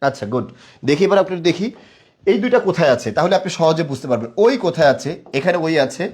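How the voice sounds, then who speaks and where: A man's voice: fairly high pitch, sing-song, quick pace, darkish tone. A young man teaching a live online class, quizzing viewers and praising them again and again. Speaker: online tutor.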